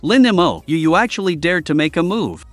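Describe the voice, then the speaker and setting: A man voicing an arrogant, scheming young male disciple who taunts and complains loudly. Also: fairly high pitch, sing-song, a little fast, dry recording, soft background music. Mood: taunting indignant. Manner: taunting, then whiny and outraged.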